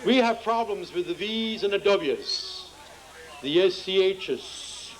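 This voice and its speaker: At an outdoor town festival, a Pennsylvania man with a Pennsylvania Dutch accent tells folksy jokes to the crowd, speaking slowly in a high voice with lively intonation. He's playful and talks straight to his audience, though the recording quality is poor.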